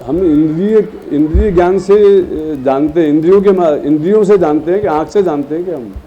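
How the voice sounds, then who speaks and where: A man with a high but mellow voice teaches a room of students, firing questions at them and nudging them to answer. He talks in a lively, prodding way and acts out how a sentence sounds. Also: fairly quick, highs cut off, slight background noise. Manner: lively, prodding, demonstrates phrasing aloud. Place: classroom at a training camp.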